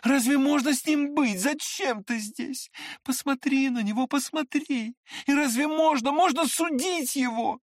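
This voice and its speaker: A woman's voice: measured pace, no room sound, studio quality. A reader voicing an anguished young woman in an audiobook, crying out in pleading exclamations. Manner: high-pitched, pleading exclamations.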